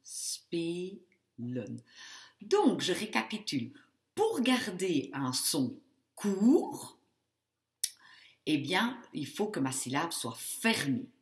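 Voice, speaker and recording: A woman's voice: on the low side, huge pitch swings, takes it slowly. A woman teacher explaining spelling rules step by step in a lesson, stressing each example word. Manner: teaching in French, switching to Dutch for the example words. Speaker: Dutch language teacher.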